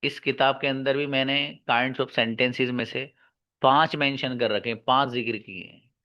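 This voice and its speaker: A man teaching English grammar in an online lesson, slowly repeating key words and answering his own questions for his students. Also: medium pitch, muffled recording. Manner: calls listeners "babu" and "my friend".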